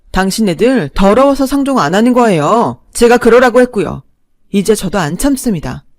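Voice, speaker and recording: A woman's voice: medium pitch, darkish tone, no room sound, clean studio sound, close to an everyday voice. A woman voicing a resolute young wife speaking firmly and coldly. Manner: firm, cold. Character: resolute young wife standing up to her mother-in-law.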